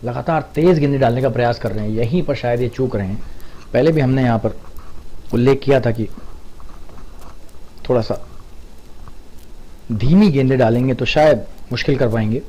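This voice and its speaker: A man giving live cricket match commentary, excitable and drawing out his exclamations on big shots. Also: mid-range voice, normal speed, pauses often, low-quality recording.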